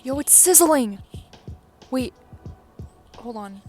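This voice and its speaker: A young woman vlogging casually outdoors into a phone, blunt and excitable, swearing freely. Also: high-pitched, slow, faint music behind. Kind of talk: casual chat to camera. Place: sunny, windy backyard outdoors. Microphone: phone held by hand.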